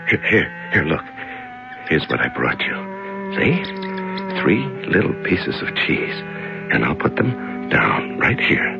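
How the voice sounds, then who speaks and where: A stammering prisoner gone half mad. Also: male voice, rumbling low, huge pitch swings, creaky, music in the background, exaggerated voice. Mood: pleading. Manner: halting, stammering, tender then trembling. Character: man shaken after weeks locked in darkness. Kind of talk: 1970s radio drama acting. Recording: dull old radio broadcast.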